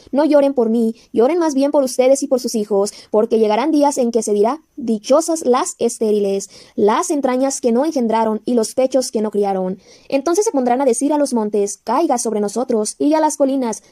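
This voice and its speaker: A woman narrating a Bible audiobook in a measured, solemn way, slowing down for each section heading. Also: high-pitched, mellow, no room sound, studio quality. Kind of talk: scripted audiobook scripture reading.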